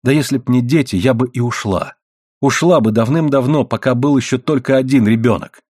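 A man reading the part of a furious, worn-down miner's wife with sharp, indignant retorts. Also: mid-range voice, a little fast, breathy edge, no echo, clean studio sound, lightly acted. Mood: bitter.

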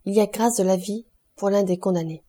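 A solemn religious leader announcing in a loud, clear proclamation, as a woman reader voices him. The voice stays dark and husky. A storybook reading. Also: medium pitch, a little fast, natural voice. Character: solemn head of a religious brotherhood.

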